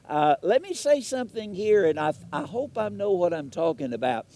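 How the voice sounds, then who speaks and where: A man's voice: high-pitched, big pitch swings, normal speed, mellow. A man, reading out sponsor greetings on a live parade broadcast in a folksy, chatty way. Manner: folksy, chatty, laughs between lines.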